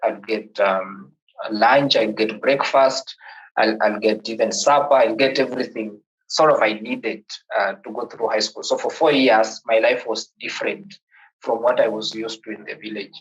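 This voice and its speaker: This podcast guest is a Kenyan man in his thirties with a Kenyan accent, thoughtfully recounting his life to the host and frequently doubling words at the start of sentences. He talks at a normal speed in a lowish, fairly even voice, captured with lo-fi sound.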